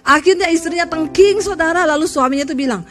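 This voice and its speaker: A woman pastor preaching an animated sermon, acting out quoted people as she tells the story. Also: very high-pitched, fast talker, faint music behind.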